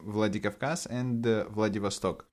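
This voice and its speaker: A young man from North Ossetia with a Russian accent, speaking haltingly in English as he searches for words in a casual interview. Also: fairly low pitch, fairly even intonation. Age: young adult. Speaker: interview guest, dental student. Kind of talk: casual interview in a second language.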